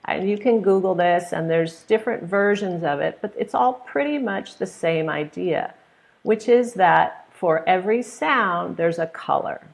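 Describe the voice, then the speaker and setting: In a small, plain room, a middle-aged woman from California leads a pronunciation webinar over a webcam video call, wearing an earphone headset. Her lowish voice is unhurried, with a standard American accent, and her explanations to students are clear, simple and encouraging.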